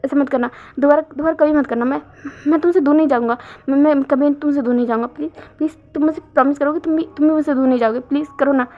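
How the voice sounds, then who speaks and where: A woman voices a tearful, lovestruck young man who begs, stammers, and repeats himself. She speaks very fast in a high, steady tone on a dull lo-fi recording.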